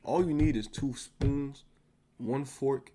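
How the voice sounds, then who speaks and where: A man's voice: medium pitch, takes it slowly, mellow, slight background noise. A man hosting a podcast, teasing his guest with jokey interjections. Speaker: podcast host. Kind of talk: casual chat.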